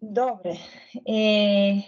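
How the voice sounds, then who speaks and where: A woman's voice: mid-range voice, fairly even intonation, very slow, darkish tone, lo-fi sound. A woman giving an online Spanish lesson in a chatty, informal way, often checking whether her students follow. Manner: frets about pressing buttons. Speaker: Spanish teacher.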